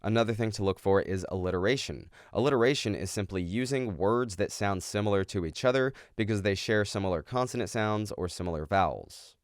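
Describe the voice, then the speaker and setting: A man's voice: fairly low pitch, a little fast, hardly any pauses, clear, resonant tone, no room sound, studio quality. A man giving instructional explanations as a vocal coach. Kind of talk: instructional explanation of screaming technique.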